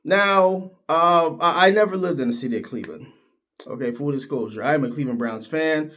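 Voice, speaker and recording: Animated opinionated man, somewhat high voice. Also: fairly quick. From Northeast Ohio. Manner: animated, opinionated, pitch jumps high when worked up. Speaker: sports commentator. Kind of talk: casual sports commentary vlog.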